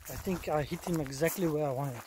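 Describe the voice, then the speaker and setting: A man in his thirties from South Africa, filming himself outdoors in dry bush with a camera on his rifle or held at arm's length, giving a hushed, low-key running commentary on a hunt and often dropping to a whisper. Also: fairly quick, background noise. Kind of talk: self-filmed hunting vlog.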